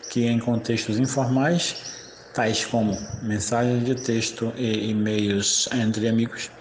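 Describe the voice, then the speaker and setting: Speaking slowly in a level, medium-pitched voice, a man teaches English grammar step by step, frequently using checking tags. The lecture was recorded in an echoey room, with faint ambience and slight background noise.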